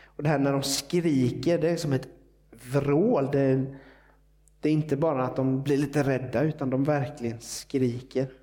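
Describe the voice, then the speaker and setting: A man's voice: medium pitch, fairly even intonation, warm tone. A man preaching a sermon in a conversational, explanatory way, with fillers and small asides.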